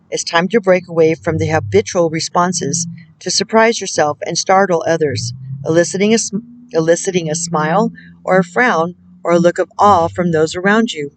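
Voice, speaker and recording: A woman working as a spiritual counselor, reading oracle card texts aloud in a measured way and breaking off now and then to muse and comment to herself. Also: lowish voice, a little hiss or hum, poor audio. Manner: measured reading broken by musing, self-amused comments.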